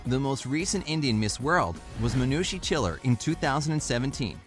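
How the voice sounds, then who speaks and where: A man's voice: mid-range voice, expressive, brisk, soft background music. A man giving upbeat, lightly jokey scripted narration for a travel list video, played back from the video.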